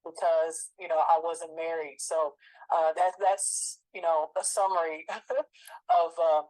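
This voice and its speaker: A woman in her forties talking in a relaxed, reflective way about her own experience, with frequent fillers and restarts. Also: low voice, slow pace, poor audio. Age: 40s. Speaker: co-host. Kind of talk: casual conversation.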